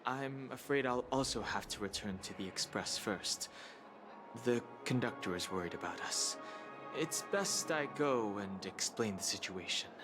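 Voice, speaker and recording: A man's voice: lowish voice, lively intonation, unhurried. A man playing a reserved, serious young man in an anime game, with terse, formal delivery. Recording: game music behind the voice.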